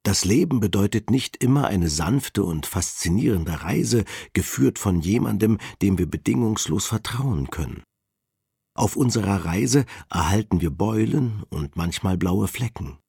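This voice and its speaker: A man giving a calm, measured reading of a spiritual text. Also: fairly low pitch, vocal fry, breathy edge, no room sound, clean studio sound. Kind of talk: slow devotional reading.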